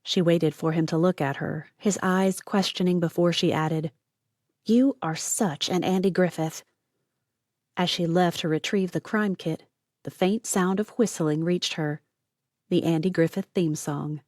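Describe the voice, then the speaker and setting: A woman's voice: on the low side, steady tone, unhurried, darkish tone, no room sound, studio quality. A woman narrating an audiobook, voicing each character and dropping to a whisper for tense lines.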